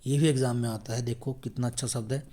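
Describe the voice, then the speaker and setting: A man teaching a grammar lesson for exam preparation, rapidly reading out word pairs and calling the viewers his friends, with quick self-corrections. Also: mid-range voice, steady tone, background noise.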